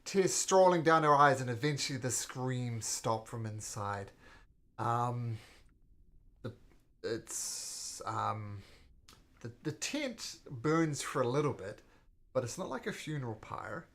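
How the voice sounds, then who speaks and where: Woman game master, pretty low voice, slow but animated, telling the scene to players. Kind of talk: narrating a tabletop role-playing game.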